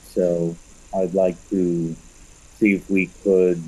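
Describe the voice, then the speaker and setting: A man's voice: sits low, little pitch movement, a little mellow, slightly rough, low-quality recording. Man on a video call with breaking-up audio. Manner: deliberate, halting, formal. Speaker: commission member. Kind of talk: remote public meeting.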